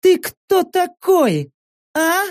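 A man's voice: very high-pitched, wildly swooping pitch, extremely slow, pitched above the performer's own voice, exaggerated voice. A man voicing a hulking, rowdy male orc soldier who bellows crude insults in an audiobook.

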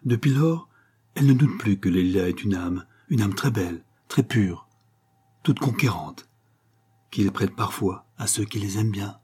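A man reading a literary story aloud as narrator, measured and expressive. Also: on the low side, husky.

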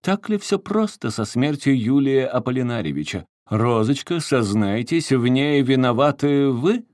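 A man's voice: medium pitch, very animated, a little slow, darkish tone, no echo, studio quality, voice pushed up. A man voicing a theatrical, menacing middle-aged man who accuses others in a dramatic, insinuating way. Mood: suspicious.

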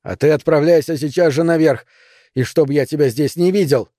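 Мужчина озвучивает властного торопливого парня. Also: male voice, on the high side, normal speed, mellow, no room sound, studio quality, lightly acted. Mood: urgent. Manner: urgent, commanding. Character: urgent, bossy young man taking charge.

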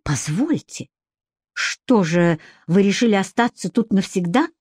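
A woman reading as a bossy female personal assistant who scolds and shouts when angry. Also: medium pitch, lively intonation, measured pace, breathy edge, dry recording, clean studio sound. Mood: indignant.

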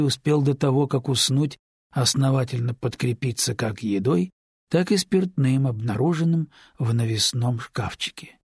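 Husky male audiobook narrator, dry sound. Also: mid-range voice, dry recording. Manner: steady, measured storytelling. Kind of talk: scripted narration. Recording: dry close studio read.

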